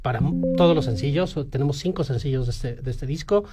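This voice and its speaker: Rambling Mexican musician guest. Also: male voice, mid-range voice, fast, noisy background. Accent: Mexican Spanish. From born in Peru, raised in Mexico. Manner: rambling, many fillers like "este".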